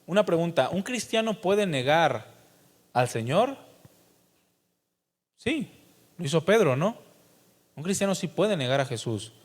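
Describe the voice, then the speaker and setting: A man's voice: on the high side, very animated, unhurried, long pauses, in a large hall. A pastor with a Mexican accent preaching a sermon, emphatic and speaking straight to his congregation. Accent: Mexican Spanish.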